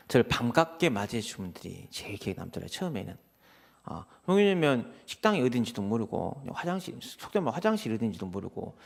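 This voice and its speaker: Fast and talkative, a male pastor preaches through personal stories in a conversational sermon. He plays both sides of little exchanges with lively storytelling, his pitch varying widely and often slipping into a creaky, gravelly tone.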